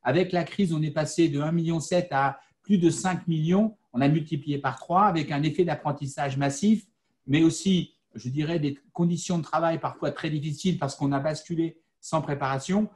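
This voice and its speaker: A man from the Vosges speaking on a panel, explaining his view in a measured way with frequent fillers. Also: fairly high pitch, a little mellow. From France, Vosges. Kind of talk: panel discussion.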